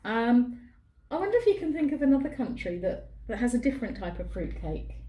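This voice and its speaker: A woman co-hosting a casual chat, gentle and explanatory, often speaking softly. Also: on the high side, very animated, a little fast, dull audio. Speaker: co-host. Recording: roomy.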